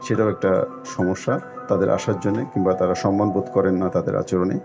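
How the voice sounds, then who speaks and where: A man speaking as an expert guest in a discussion, explaining point by point in a formal, deliberate way with halting pauses. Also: low-pitched, little pitch movement, gravelly. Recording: muffled lo-fi audio with music behind. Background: music.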